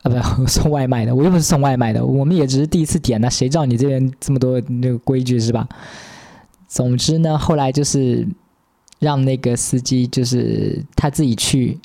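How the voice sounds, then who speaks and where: A man telling a story as a podcast host in a casual monologue, exasperated and animated as he retells it. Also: mid-range voice, moderate pace, gravelly.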